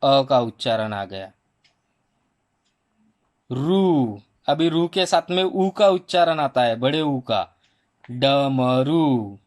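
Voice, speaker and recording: A man teaching a primary school Hindi lesson, slowly sounding out each letter and vowel sound for children. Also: a little high, lively intonation. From India. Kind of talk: slow spelling lesson for children.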